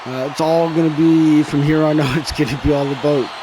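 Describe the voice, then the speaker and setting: A man's voice: a little high, steady tone, fairly quick, low-quality recording. A man hosting a gaming video, rambling through a casual story and live commentary on a hockey game, laughing often. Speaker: gaming channel host playing a hockey game. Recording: game crowd noise behind voice.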